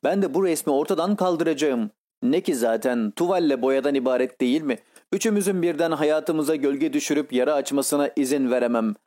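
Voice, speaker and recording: A man's voice: on the high side, brisk, warm tone, close to an everyday voice. A man voicing a devoted, earnest painter in an audiobook reading, speaking in an urging tone.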